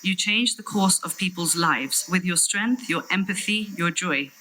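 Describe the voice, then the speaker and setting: Bright-voiced British woman giving a tender eulogy. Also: fairly low pitch, slight background noise, poor audio. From London, England. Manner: tender, solemn, measured delivery. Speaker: sister giving a farewell eulogy. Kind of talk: prepared eulogy speech.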